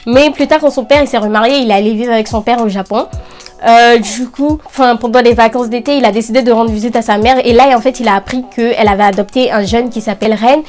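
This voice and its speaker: A young woman with a fairly high voice hosts a casual recommendation video. She talks like an enthusiastic anime fan, chatty and full of informal slang. Light music plays behind her. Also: steady tone, fast talker, darkish tone. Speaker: anime review channel host.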